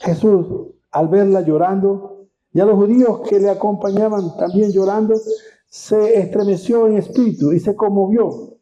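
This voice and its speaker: Pastor guy preaching, high pitched but super mellow dark tone, keeps asking the church questions, kinda muffled lo-fi audio. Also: steady tone, normal speed. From Venezuela. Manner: asks the congregation rhetorical questions; dramatic retelling of scripture. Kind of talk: sermon. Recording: dull lo-fi sound.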